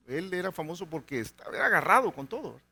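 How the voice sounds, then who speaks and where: A male pastor preaching with a lively, high-set voice that swings widely in pitch. He keeps turning to the congregation with rhetorical questions and acts out the people in his stories. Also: quick pace, creaky, breathy edge. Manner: animated preaching, acts out quoted voices in anecdotes; frequent rhetorical "¿verdad?" asides to the congregation. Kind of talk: sermon.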